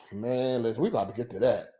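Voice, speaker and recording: A Philadelphia podcaster runs a laid-back livestream full of profane, repetitive banter, repeating lines for effect. He speaks in a mid-range, dark-toned voice at a moderate pace.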